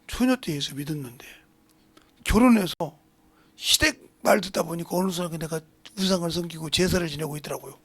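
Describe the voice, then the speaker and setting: A man in his sixties, a pastor preaching a sermon, who swings between hushed asides and loud emphatic preaching. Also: a little high, a little fast. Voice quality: gravelly, husky voice.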